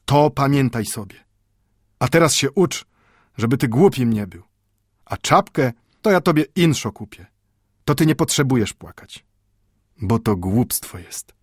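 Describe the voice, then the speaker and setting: Man doing an old bookbinder grandfather, Yiddish-inflected, raised and insistent, husky voice, storybook reading. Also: a little high, sing-song, dry recording, studio quality, voice pushed up, heavily acted. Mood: earnest. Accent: Yiddish-inflected Polish. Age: over 60. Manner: emphatic, repetitive scolding with drawn-out exclamations. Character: old male bookbinder grandfather, stern yet tender.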